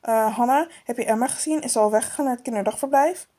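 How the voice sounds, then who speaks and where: Woman voicing a hurried, chatty mother. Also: a little high, dark tone, a little hiss or hum, lightly acted. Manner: chatty, hurried, with many fillers. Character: busy caring mother of two girls. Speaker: toy-film voice performer. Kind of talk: toy-figure storytelling.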